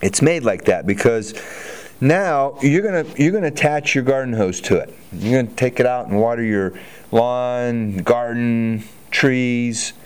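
A hot tub store owner in his forties gives a casual, upbeat how-to demo in a large indoor spa showroom, talking chattily at a medium pitch and a slightly slow pace as he walks and gestures. A tripod-mounted camera mic records him from a distance, so the audio sounds roomy.

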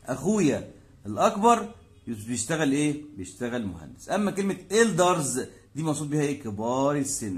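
A man with an Egyptian Arabic accent, an English teacher explaining a textbook lesson. He reads English example sentences slowly and asks questions that he answers himself. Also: mid-range voice.

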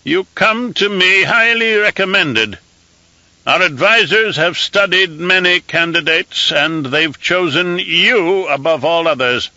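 A man's voice: high voice, takes it slowly, bright, forceful tone, no room sound, highs cut off, voice pushed up, exaggerated voice. A man putting on a reedy, scratchy old emperor. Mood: probing. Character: ancient gaunt male emperor, imperious, cackling. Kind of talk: audiobook character voice.

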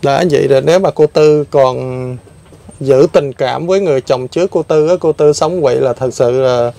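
A man who interviews an old woman gently and patiently, repeating his questions. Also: on the high side, moderate pace, creaky. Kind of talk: casual interview.

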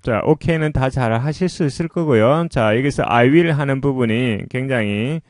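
A man teaching English pronunciation, explaining patiently and often pausing with "자" between points. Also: medium pitch, a little mellow, no room sound, clean studio sound.

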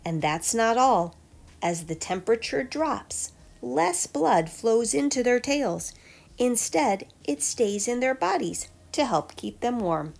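Her voice sits on the high side yet has a darkish tone, and she reads slowly and expressively from a children's picture book. She sounds like a teacher, telling the story clearly with emphatic questions and replies.

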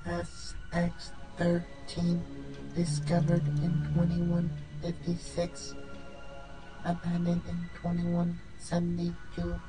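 An actor plays a calm starship computer with a synthetic voice that never rises or falls, and it reads out status reports in an even, measured way. A film score plays softly beneath it. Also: medium pitch, low-quality recording. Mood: neutral. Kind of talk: sci-fi film dialogue. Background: music score.

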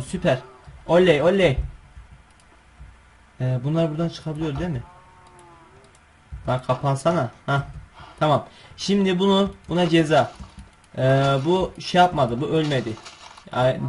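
A man hosting his gaming channel, giving chatty, excitable gameplay commentary full of coaxing calls and slangy asides. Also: on the high side, slight background noise.

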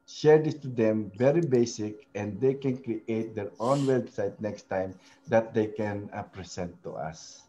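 A man's voice: lowish voice, slow pace, warm tone, dull audio. A man hosting a casual web design tutorial, talking hesitantly with many fillers and tag questions. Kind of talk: casual screen-share tutorial in mixed Tagalog and English.

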